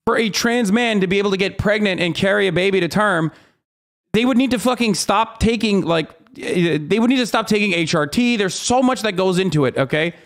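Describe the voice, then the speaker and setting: A man's voice: sits high, brisk. A man in his thirties ranting with exasperation as he reacts to a clip on a livestream, swearing often and slipping into mocking outrage. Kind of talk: casual livestream reaction commentary.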